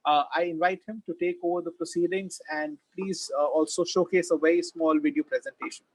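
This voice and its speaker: A man moderating a webinar who opens with measured, formal remarks and frequent uhs, speaking on a video-call mic. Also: on the high side, steady tone, dry recording, low-quality recording.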